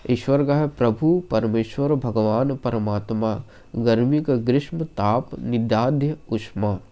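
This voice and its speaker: A man teaching an online Hindi exam-prep lesson, slightly hoarse from being unwell, reeling off lists of words and reassuring his students. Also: mid-range voice, a little slow, warm tone. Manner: rattles off word lists, reassuring asides to students.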